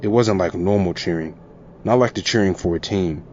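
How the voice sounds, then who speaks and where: A man's voice: low-pitched, moderate pace, a little mellow, a little hiss or hum. A man narrating a first-person horror story in a tense, dramatic way. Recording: lo-fi with music and crowd sound.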